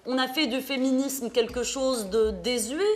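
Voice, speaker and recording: A woman from Morocco giving an earnest, halting talk at a small debate, with many fillers and restarts. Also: sits high, fairly even intonation. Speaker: panel speaker.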